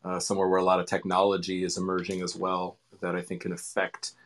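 Low-voiced guy running a roundtable, warm and upbeat, keeps handing off questions. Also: monotone, fast talker. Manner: enthusiastic, affirming, hands off questions. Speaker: panel moderator. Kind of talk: moderating a roundtable.

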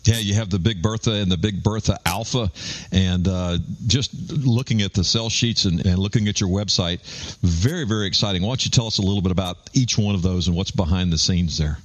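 A man's voice: low voice, brisk. A man interviewing golf company staff, asking enthusiastic leading questions.

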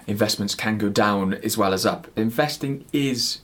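A man's voice: on the low side, moderate pace, fairly bright tone. A man with a West Country English accent, explaining things as an expert in a conversational podcast style.

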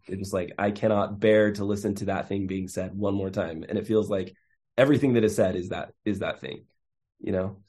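Mellow-voiced man telling his story. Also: on the low side. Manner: casual, many fillers and restarts. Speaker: interview guest. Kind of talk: conversational storytelling.

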